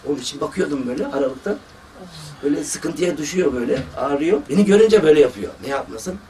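A man's voice: on the high side, fast talker. Man telling stories in a religious talk. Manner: storytelling, lively quoting of others. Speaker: surgeon giving a religious talk. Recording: distant mic with faint background noise.

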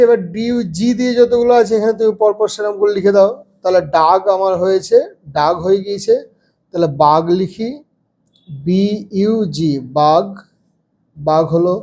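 A man's voice: sits high, darkish tone. Man, primary school teacher, patient, spells letter by letter, textbook lesson. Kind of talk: textbook lesson for young children.

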